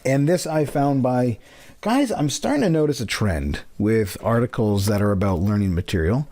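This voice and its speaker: A man hosts a loose, joking podcast conversation. His pitch jumps around expressively while he riffs and restarts his sentences. The sound is dry and close. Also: normal speed, dry recording. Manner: lively, jokey, rambling with restarts. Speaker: podcast host. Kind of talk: casual chat.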